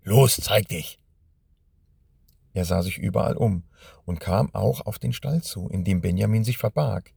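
A man narrating a storybook in a measured way, at times speaking directly to young listeners. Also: fairly low pitch, gravelly, dark tone, slightly rough, no room sound, studio quality.

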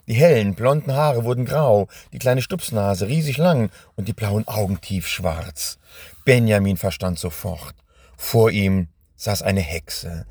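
Guy reading a kids story out loud, calm and expressive, husky voice, dry sound. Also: lowish voice, no room sound. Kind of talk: read-aloud children's story.

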